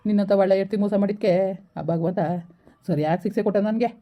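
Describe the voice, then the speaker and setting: A woman's voice: mid-range voice, fast talker, natural voice. A woman playing a village husband, back after leaving his wife, who blames himself and talks sorrowfully. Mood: remorseful. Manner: sorrowful, self-blaming, reassuring. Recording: dull lo-fi recording.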